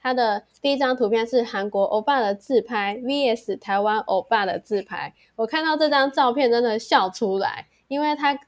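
A woman's voice: a little high, moderate pace, few pauses. A woman with a Taiwanese Mandarin accent co-hosting a podcast in casual conversation. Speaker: podcast co-host.

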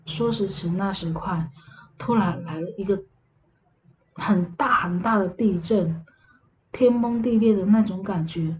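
A woman's voice: medium pitch, a little slow, dull audio, slight background noise. Chatty woman telling a ghost story. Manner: chatty, searching for words. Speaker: podcast storyteller. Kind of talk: first-person ghost story narration.

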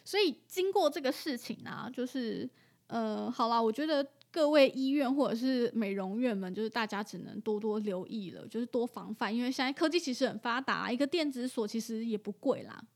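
A woman's voice: fairly high pitch, lively intonation, brisk. A woman who works at an animal hospital, telling a story in a casual chat and laughing often.

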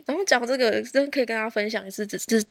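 Fast-talking woman, chatty podcast story, laughs a lot. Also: on the high side, creaky, no echo, clean studio sound. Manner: animated, laughs often, acts out quoted speech. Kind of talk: casual storytelling chat.

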